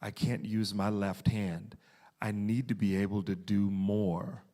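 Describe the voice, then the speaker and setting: A man preaching a sermon in a conversational way, slowing down for emphasis and often restarting his sentences. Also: lowish voice, level tone, mellow.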